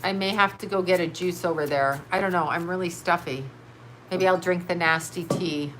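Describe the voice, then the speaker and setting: Over poor audio with slight background noise, a middle-aged woman, nose stuffed up, chats with live-stream viewers and reads tarot for them. Her lowish voice is fairly bright and steady at a normal speed, and her manner is blunt, scattered, sweary and laugh-filled.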